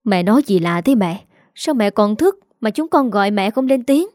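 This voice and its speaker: A woman's voice: medium pitch, animated, normal speed, darkish tone, no echo, studio quality, close to an everyday voice. A woman reading the part of a worried middle-aged son who talks in an earnest, pleading way. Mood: anxious.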